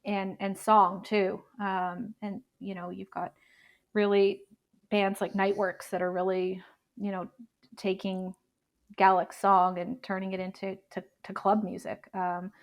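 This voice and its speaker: Canadian woman, 30s, interview guest, even tone, stop-start phrasing. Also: mid-range voice. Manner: halting, many restarts and fillers. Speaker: guest bagpiper. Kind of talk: casual interview chat.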